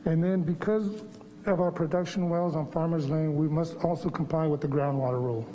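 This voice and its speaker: A man's voice: a little high, fairly even intonation, fairly quick, dark tone, slight background noise. A man giving a formal staff presentation at a public meeting, slightly muffled as he speaks through a face mask. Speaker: water quality manager presenting. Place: public board meeting room.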